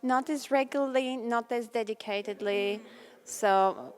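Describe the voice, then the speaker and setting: A woman's voice: on the high side, a little slow. Earnest woman. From Bulgaria. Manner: earnest, warm storytelling with fillers. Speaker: interviewee, folk dancer. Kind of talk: casual interview answers.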